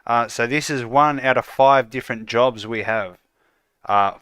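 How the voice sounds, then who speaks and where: An Australian man chatting casually with viewers while building his game on a livestream, relaxed and full of "uh" fillers. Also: medium pitch, measured pace, clear, resonant tone, dry recording, clean studio sound. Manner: relaxed, lots of "uh" fillers, calls viewers "mate".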